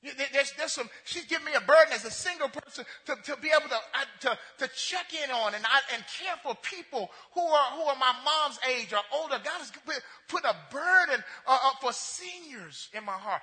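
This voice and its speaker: This sermon comes fairly quickly, with lively intonation and hardly any pauses, from a male pastor whose voice is remarkably high and piercingly bright. He stammers, restarts and repeats, alternating between passionate loudness and hushed asides under the long reverb of a church sanctuary.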